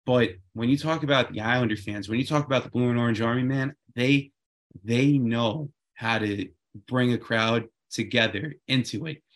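A man's voice: medium pitch, moderate pace. A man chatting casually and enthusiastically, often repeating phrases for emphasis. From Queens, New York. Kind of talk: casual chat.

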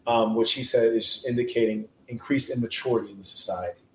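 A man's voice: mid-range voice, steady tone, quick pace, a little hiss or hum. Slangy joking man in an echoey room. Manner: slangy, jokey, laughs often. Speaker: podcast host. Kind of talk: casual chat.

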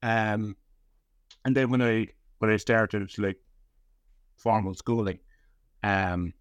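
A man in his thirties from West Cork, Ireland, a historian and guest author, chats casually in an interview with a Cork Irish accent. He often repeats words and restarts, in a lowish voice at a slow pace. The recording is dry.

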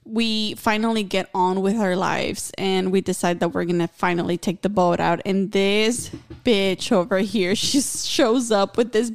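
A woman's voice: medium pitch, fairly even intonation, unhurried, few pauses. Woman, podcast co-host, informal storytelling, slangy chat, mild profanity.

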